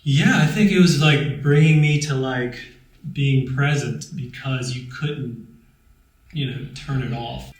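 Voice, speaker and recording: A man in relaxed conversation who hesitates and often circles back to rephrase himself. He sits at a distance from the mic, and his voice carries in a roomy, echoey space. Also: medium pitch, takes it slowly. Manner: hesitant, many fillers and restarts. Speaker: vlog co-host. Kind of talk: casual chat.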